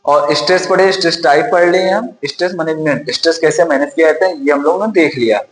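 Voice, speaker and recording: A man's voice: on the high side, fast talker. Echoey male teacher lecturing. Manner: repeats key points, asks and answers his own questions. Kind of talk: classroom-style lecture. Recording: roomy echo with long reverb.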